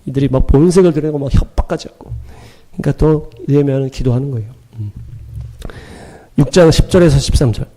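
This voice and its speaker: A man preaching a sermon in an animated, emphatic way, acting out quoted dialogue and punching his points with sharp sound-words. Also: mid-range voice, quick pace, pauses often. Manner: acts out quoted dialogue, chuckling. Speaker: pastor.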